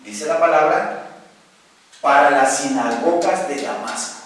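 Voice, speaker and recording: Man, pastor, preaching, dramatic storytelling, rhetorical questions, slightly high-pitched, distant mic, echoey church. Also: unhurried, a bit bright. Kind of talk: sermon. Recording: very echoey room, voice far from the mic.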